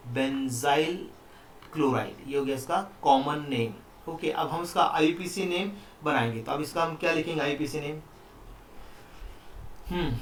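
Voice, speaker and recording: A man with a fairly high voice teaches chemistry online, explaining things step by step and frequently questioning his students. The mic is distant in an echoey room, with slight background noise.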